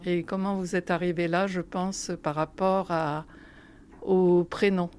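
An older woman recounting memories slowly and gently, pausing with small fillers. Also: fairly low pitch, level tone, slight background noise. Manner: gentle, unhurried, with pauses and fillers. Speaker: interviewee. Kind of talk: storytelling reminiscence.

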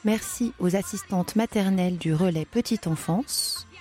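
A woman reading thank-yous and credits in a plain, measured way. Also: mid-range voice, darkish tone, soft background music. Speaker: credits reader.

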